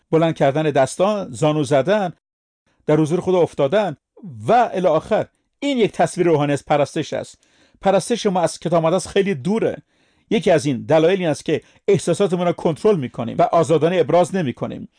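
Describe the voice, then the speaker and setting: A man's voice: a little high, warm tone. A man preaching a sermon, speaking emphatically and putting questions to his listeners.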